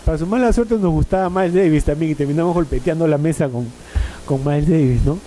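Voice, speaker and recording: A man's voice: on the high side, fast talker, dark tone, slight background noise, rough recording. A middle-aged man tells rambling anecdotes at a panel, with frequent tag questions and fillers. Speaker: panel speaker.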